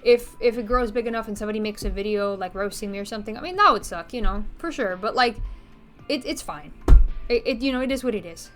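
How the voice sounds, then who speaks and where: A woman's voice: mid-range voice, quick pace, a bit bright, faint music behind. A woman vlogging in a casual, rambling way, a bit out of breath, full of filler words, restarts and blunt swearing. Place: bedroom.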